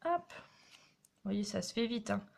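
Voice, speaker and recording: A woman's voice: mid-range voice, lively intonation, slow, vocal fry, a little mellow, slight background noise. A woman hosting a craft tutorial, chatting and encouraging viewers as she demonstrates step by step. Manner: chatty, encouraging, talks while working.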